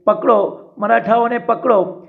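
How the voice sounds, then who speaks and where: A man voicing alarmed male soldiers who call out in drawn-out shouts, with a dull lo-fi sound. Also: very high-pitched, fairly even intonation, gravelly, full character voice. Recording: dull lo-fi recording.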